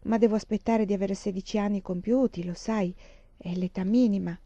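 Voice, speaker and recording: A woman reading the lines of a thoughtful fifteen-year-old girl describing a sunset to her sister, calmly. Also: medium pitch, a little fast, no room sound, close to an everyday voice. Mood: tender. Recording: dull lo-fi dry recording.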